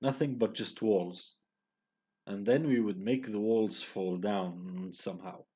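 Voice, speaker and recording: A man's voice: fairly low pitch, takes it slowly, mellow, slightly rough. A man reading a brooding, intense teenage boy. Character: quiet, intense teenage boy with a dark plan.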